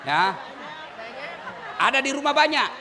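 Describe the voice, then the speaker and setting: A man preaching a lively sermon, teasing and shouting at the crowd. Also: very high-pitched, unhurried, background noise. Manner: teasing, shouting and singing to the audience. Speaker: Islamic preacher. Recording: echoey hall with faint ambience.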